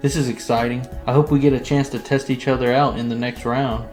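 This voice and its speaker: A man's voice: medium pitch, flat delivery, a little fast, a little mellow, faint music behind, close to an everyday voice. Teasing male rival in an audio fan story, man performing.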